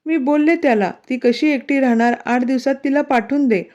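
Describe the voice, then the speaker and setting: A woman voicing a worried older woman of the household in a storybook tale, explaining in a mellow voice. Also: sits high, moderate pace, close to an everyday voice. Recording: dull, lo-fi recording.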